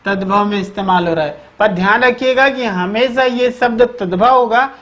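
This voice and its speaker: A woman teaching an exam-prep grammar lesson. She keeps checking in with the class, asks questions and answers them herself, and repeats key words slowly. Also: mid-range voice, fairly bright tone, highs cut off.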